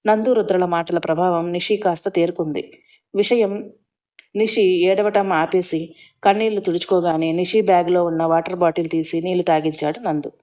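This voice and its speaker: A woman narrates a family drama serial in a steady, emotive read. Her voice is low-pitched with a warm, dark, mellow tone. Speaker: storyteller. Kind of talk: scripted story narration.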